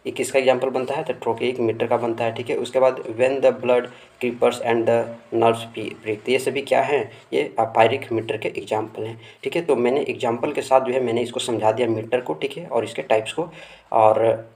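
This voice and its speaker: A man at a middle pitch, teaching a lesson. He reads definitions slowly and deliberately, then explains them more quickly. Fillers and checks on whether the students follow come up often. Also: steady tone, darkish tone. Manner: frequent fillers and tag checks. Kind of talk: classroom lecture.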